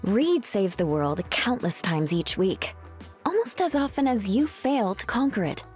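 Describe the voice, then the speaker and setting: A woman's voice: mid-range voice, sing-song, measured pace, a little mellow. A woman voicing a confident, caring superhero mother in a video game, composed and wry. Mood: wry, teasing. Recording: music behind.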